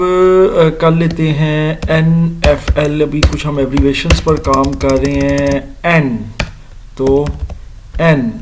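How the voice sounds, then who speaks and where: A man gives a recorded English grammar lecture, pitched a bit high for a man. He spells out letters and repeats each word patiently for his students. Faint keyboard clicks and a light hiss sit behind him. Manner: explains slowly, spells out letters and repeats words.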